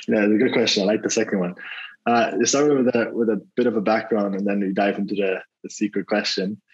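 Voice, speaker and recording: A man, a venture investor chatting as an interview guest, relaxed and rambling with many fillers and restarts. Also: lowish voice, fast talker, breathy edge. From Germany. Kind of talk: casual interview over a call. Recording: dull lo-fi call audio.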